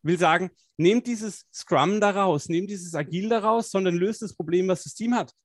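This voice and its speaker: Male agile coach, upbeat chatty co-host, slightly higher voice, dry close sound. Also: normal speed, dry recording. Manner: energetic, colloquial, many fillers. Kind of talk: casual live-stream chat.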